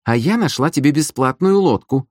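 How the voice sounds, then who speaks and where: A man voicing a sly, cruel young woman in an audiobook, speaking in a high, petulant, mocking voice. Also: big pitch swings, normal speed, darkish tone, no room sound, clean studio sound. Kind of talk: audiobook character voice.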